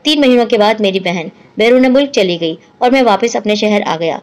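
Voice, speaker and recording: A woman narrating a first-person story in a steady, earnest storytelling manner. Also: mid-range voice.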